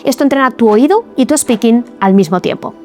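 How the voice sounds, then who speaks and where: Encouraging woman teaching over soft music. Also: a little high, animated, fairly quick. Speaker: English teacher. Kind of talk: scripted video lesson.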